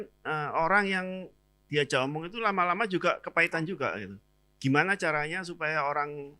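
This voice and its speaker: A man's voice: a little high, pushed and bright, no echo. A man in the audience asking the pastor a question, hesitant with many fillers.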